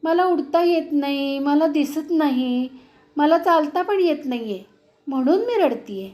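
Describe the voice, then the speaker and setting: A tearful little sparrow from a storybook, hurt and pleading, as a woman puts her on. The voice sits high and mellow, and the plaintive lines come slowly. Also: animated. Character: poor injured little female sparrow, tearful.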